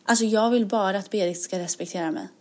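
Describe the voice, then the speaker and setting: Young woman on a podcast, mid-pitched voice, chatty and fast-moving, tosses in english words. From Sweden. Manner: lively, chatty, mixes English words into Swedish. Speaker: podcast co-host. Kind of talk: casual chat.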